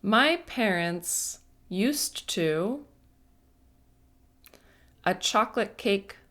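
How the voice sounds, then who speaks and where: A woman teaching an English grammar lesson, speaking patiently and deliberately and stressing each word. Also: medium pitch, lively intonation, a bit bright. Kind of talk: slow, careful grammar lesson.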